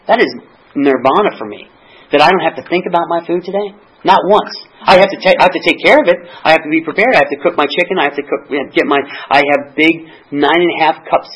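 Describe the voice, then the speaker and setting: A middle-aged man giving a personal recovery testimony, halting and restarting, often repeating words. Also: fairly high pitch, fairly bright tone, slightly rough. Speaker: speaker sharing a recovery story. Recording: dull lo-fi recording.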